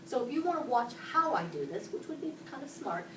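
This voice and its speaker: With a sing-song, brisk voice on the high side, a woman from Pittsburgh teaches children, going through each step and asking questions. The camera sits across the echoey classroom, catching her from far off against a noisy background.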